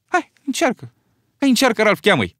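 A man voicing a fretful, excitable bespectacled boy. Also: no echo, clean studio sound. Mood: excited. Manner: high, breathless, excitable. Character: chubby anxious boy with glasses, fretful, excitable. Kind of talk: audiobook reading.

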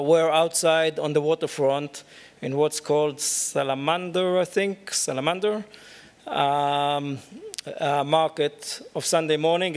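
A middle-aged man giving a conference keynote from a podium in a large lecture hall, speaking haltingly with many fillers. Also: fairly high pitch. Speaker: keynote speaker, urban planner. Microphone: podium microphone.

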